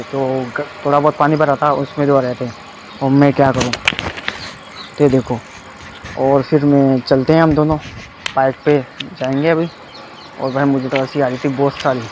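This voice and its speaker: Out on a muddy dirt road, a young male vlogger keeps up a loose, repetitive running commentary, often saying "ye dekho" and "bhai." His voice is mid-range. Recorded on a phone camera, the audio is dull and lo-fi with loud outdoor noise.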